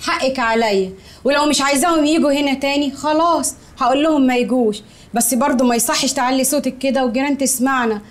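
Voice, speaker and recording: An actress playing a pregnant young wife with an Egyptian accent, defensive and pleading. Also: female voice, high voice, quick pace, close to an everyday voice. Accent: Egyptian Arabic.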